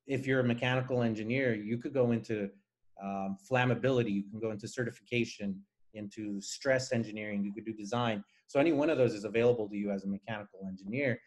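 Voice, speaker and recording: Speaking as a guest engineer in a conversational interview, the Nicaraguan man gives earnest, explanatory answers; Spanish is his first language. He has a mid-range, slightly mellow voice.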